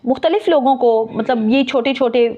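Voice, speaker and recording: A woman's voice: high-pitched, normal speed, dark tone. A woman teacher explaining a lesson, spelling words out letter by letter and repeating key terms. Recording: muffled lo-fi recording.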